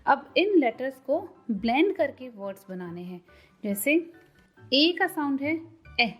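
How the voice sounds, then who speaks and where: A woman teaching phonics to parents as a channel host, sounding out letters slowly and repeating each one. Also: high voice, sing-song, fairly bright tone, soft background music. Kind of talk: tutorial lesson for parents.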